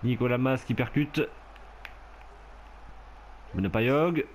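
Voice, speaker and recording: A man's voice: medium pitch, slow, slight background noise. A man casually commentating his own rugby video game match, getting worked up and laughing at the play. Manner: excitable, shouts and laughs at the game. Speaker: gameplay commentator.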